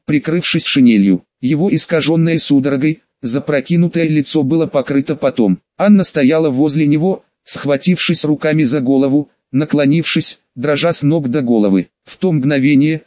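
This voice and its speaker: A man giving a steady, measured audiobook narration. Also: fairly high pitch, no room sound. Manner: steady, measured literary reading. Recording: dull, dry lo-fi recording.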